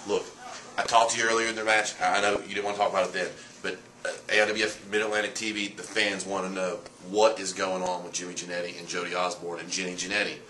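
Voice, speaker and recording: A man's voice: deep voice, level tone, quick pace, pushed and bright, slight background noise, poor audio. A man asking informal on-camera questions as a backstage wrestling interviewer.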